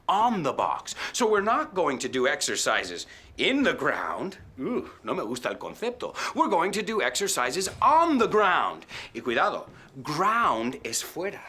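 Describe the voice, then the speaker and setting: A man's voice: sits high, bright, forceful tone, full character voice. A man playing a peppy male fitness coach in a TV English lesson, with a Spanish accent and a playful, exaggerated manner. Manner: exaggerated, playful, sing-song. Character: Mister Strong, a bouncy male fitness coach. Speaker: English teacher.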